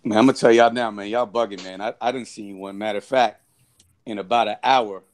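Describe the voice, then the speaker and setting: A man trades playful, teasing banter with friends on a live stream panel. His chat stays casual and relaxed. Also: on the low side, a little fast.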